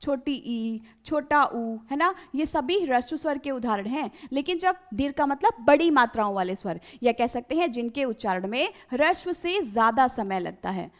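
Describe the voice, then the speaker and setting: A woman's voice: sits high, lively intonation, moderate pace, hardly any pauses. A woman teacher giving an exam-prep grammar lesson, repeating key phrases and quizzing her pupils, whom she fondly calls children.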